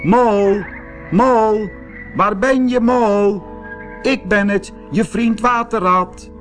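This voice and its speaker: A man voicing a brave, bossy male water rat who looks after his friend, talking in a brisk, urging way. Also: a little high, big pitch swings, soft background music, voice pushed up. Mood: calling.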